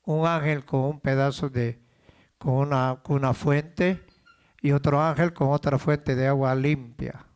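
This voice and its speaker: A man's voice: medium pitch, fairly even intonation, a little slow, darkish tone, smooth. A man preaching a sermon as pastor of a church, repeating words as he builds up and calling out questions to the congregation.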